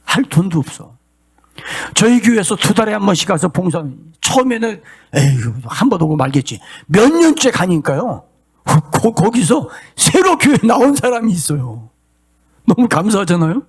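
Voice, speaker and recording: A middle-aged male pastor preaching a sermon, shifting from plain talk to impassioned shouts and sung cries. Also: high voice, very animated, moderate pace, breathy edge.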